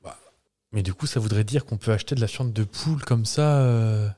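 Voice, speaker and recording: A man co-hosting a casual podcast chat, guessing at trivia answers and tossing in quick jokes and quips. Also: lowish voice, warm tone. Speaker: podcast co-host.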